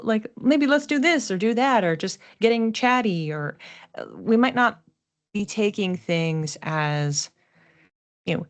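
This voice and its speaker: A woman with a low-pitched voice hosts an explanatory talk on astrology. She speaks in a conversational, thoughtful way and gives expressive emphasis to key words.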